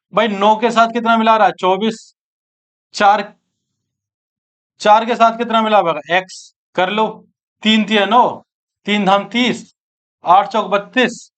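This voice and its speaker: A man from teaching a maths class, working each problem aloud and asking his students questions. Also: high-pitched. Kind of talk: exam-prep maths lesson. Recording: dull lo-fi online class recording.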